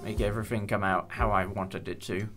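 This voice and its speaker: Talking fairly quickly over music in a low, level voice, a young man who hosts and produces audio drama chats casually about what went on behind the scenes of a production. He sounds hesitant and appreciative.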